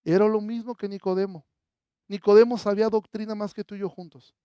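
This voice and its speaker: High, clear-voiced preacher man. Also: fairly even intonation, brisk, no room sound, highs cut off. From Mexico. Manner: impassioned preaching, swinging from loud proclaiming to soft, intimate appeals. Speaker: pastor. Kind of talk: sermon.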